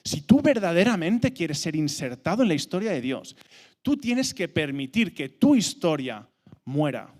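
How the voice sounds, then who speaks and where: A man from delivers a sermon with a lively, swinging pitch. He slows down deliberately to lean on each scripture line. His voice carries a long reverb from the church hall around him. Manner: animated, slows down for emphasis when reading scripture. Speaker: preacher.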